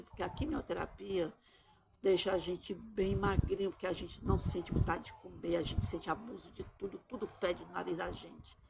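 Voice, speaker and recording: A shy middle-aged woman giving a personal testimony, talking haltingly and often adding tag questions. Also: lowish voice, creaky, background noise. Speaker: testimony giver.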